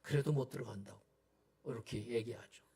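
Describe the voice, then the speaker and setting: A man preaching a Sunday sermon as pastor, conversational, full of rhetorical questions and sudden hushed asides. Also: medium pitch, a little fast, slightly rough. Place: church sanctuary.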